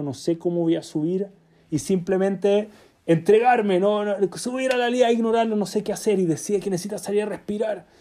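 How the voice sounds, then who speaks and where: A man telling a religious story as a sermon, acting out the characters' dialogue in an animated way. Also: on the high side.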